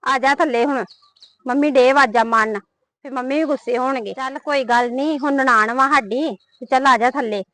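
A woman playing a reassuring young woman, high, bright tone, faint background music. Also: moderate pace, no echo. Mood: coaxing. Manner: coaxing, reassuring. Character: young woman calming her sister-in-law. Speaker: younger family member in a family short film. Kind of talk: scripted short film acting.

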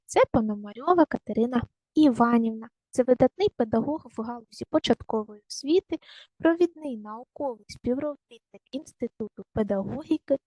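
A woman teaching a recorded primary school lesson, giving clear, patient step-by-step instructions to young children. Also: a little high, darkish tone, dry recording, low-quality recording.

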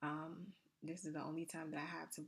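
A young woman chatting casually in a soft, low, near-whispered voiceover for a hair tutorial, with plenty of fillers. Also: little pitch movement, brisk, vocal fry, slightly rough. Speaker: hair vlogger. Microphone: voiceover mic.

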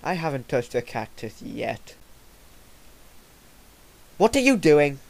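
A streamer trading crude, joking threats. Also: male voice, fairly high pitch, big pitch swings, slow pace, creaky, a little mellow. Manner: swearing, mock-threatening banter. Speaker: livestreaming gamer. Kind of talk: casual gaming chat.

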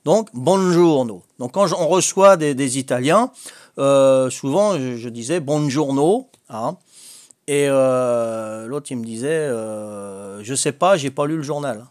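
A man's voice: medium pitch, measured pace, dry recording, clean studio sound. An older man with a Corsican French accent, chatting casually on a home video, full of fillers, restarts and little jokes. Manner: hesitant, many fillers and restarts, joking. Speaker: vlogger learning a language.

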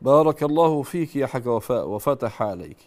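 Patient Egyptian teacher correcting recitation. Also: male voice, mid-range voice, animated. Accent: Egyptian Arabic. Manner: patient, demonstrates slowly and corrects gently. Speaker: Quran recitation teacher and host. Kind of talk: correcting callers' Quran recitation.

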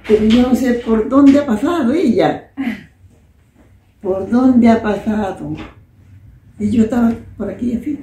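Older woman, soft halting testimony. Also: a little high. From Peru. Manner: halting, soft-spoken storytelling with many diminutives. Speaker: interviewee. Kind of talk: emotional personal testimony. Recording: roomy, distant mic, faint noise.

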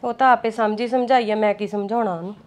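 An actress playing a resentful, scheming elder daughter-in-law who grumbles and snaps back. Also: female voice, mid-range voice, fairly even intonation, fast, natural voice. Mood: sulky. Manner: grumbling, sulky, sharp-tongued. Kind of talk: amateur village short-film acting.

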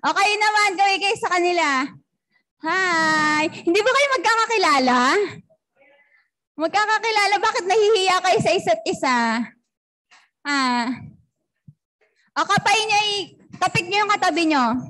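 Filipino woman hyping up a youth group, super high voice, playful cheers. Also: expressive, moderate pace, long pauses. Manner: playful, shouting cheers, laughing, coaxing the crowd. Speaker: youth fellowship leader. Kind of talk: energetic crowd warm-up.

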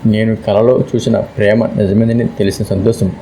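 Male narrator reading shy loving young woman, low voice, warm dark tone, storybook. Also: little pitch movement, normal speed, gravelly, a little hiss or hum, poor audio. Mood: affectionate.

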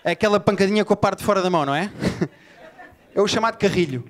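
A man from Portugal with a Lisbon accent, performing an animated, profane stand-up set and riffing with the crowd. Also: sits high, quick pace, slight background noise. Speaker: stand-up comedian. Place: comedy bar before a live audience. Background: audience laughter.

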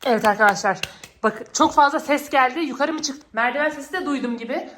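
A playful, exclamatory woman hosts a casual vlog in a very high voice. She sounds roomy and echoey, with faint noise behind her. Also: fast talker, a bit bright. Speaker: vlog host and game player. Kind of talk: casual chat to viewers.

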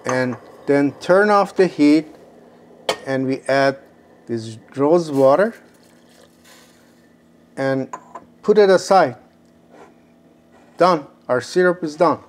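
A man in his sixties with a Persian accent, explaining a home cooking recipe step by step in an unhurried way from his kitchen. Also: a little high, sing-song, a little hiss or hum. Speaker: cooking show host.

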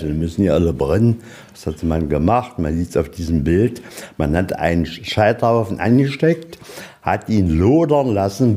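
Deep and warm, this middle-aged man's voice guides a walking tour through a museum. He keeps things informal, colloquial and matter-of-fact, frequently posing questions before answering them.

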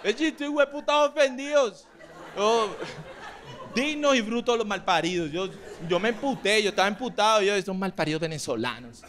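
A man's voice: extremely high pitch, normal speed, a crowd in the background. A young man with a Colombian coastal accent doing a brash, profane stand-up set on a club stage. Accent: Colombian coastal Spanish. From Colombian Caribbean coast. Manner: brash, profane, acts out loud characters. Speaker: stand-up comedian. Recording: live club recording, audible noise. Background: audience laughter and room ambience.

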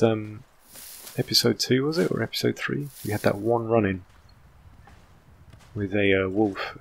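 A gaming channel host, a man in his thirties from England, talks through a let's-play in a casual, chatty, rambling way, dropping plenty of "um"s. His voice is fairly low and creaky, with a fairly bright tone and a breathy edge. His British English accent carries an American tinge.

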